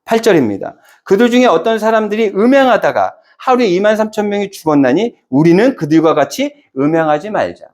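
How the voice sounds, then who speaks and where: A man's voice: sits high, big pitch swings, fairly quick, few pauses, a little mellow. A male pastor preaching a Sunday sermon, asking the congregation questions and answering them himself, and acting out quoted speech. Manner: acts out quoted speech in dramatic voices.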